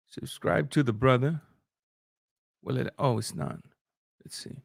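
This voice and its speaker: On his boxing channel's live stream, a middle-aged man whose first language is Spanish reads super chats and comments in loose, filler-heavy speech with restarts. His mid-range voice is gravelly with a breathy edge, speaking slowly but with lively intonation. Studio quality, with no room sound.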